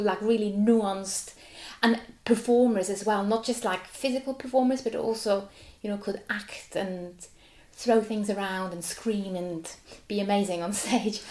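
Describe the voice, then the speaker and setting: A Swiss contemporary dancer in her forties, German her mother tongue, speaks in a mellow, medium-pitched voice in an echoey room. The talk is a casual interview where she's animated, laughs a lot, and uses "like" constantly.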